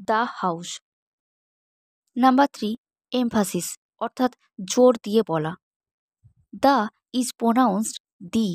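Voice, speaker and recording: Slow, careful Bengali woman teacher. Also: on the high side, no room sound, rough recording. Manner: reads English examples slowly and deliberately, explains them more quickly in Bengali. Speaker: English teacher. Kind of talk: slow, measured grammar lesson.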